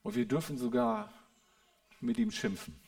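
Earnest preacher, hushed to fervent. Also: male voice, mid-range voice, very animated, moderate pace. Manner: addresses listeners with a questioning "Ja?". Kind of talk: sermon.

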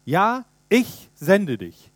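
A man reading out the words of a solemn divine messenger in a slow, loud, emphatic voice. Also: sits high, sing-song, dry recording, voice pushed up, exaggerated voice. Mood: commanding.

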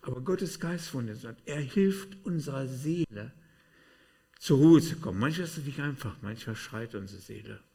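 Animated preacher man. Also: mid-range voice, moderate pace, vocal fry. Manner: animated, shifting between loud outbursts and hushed asides. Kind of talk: sermon.

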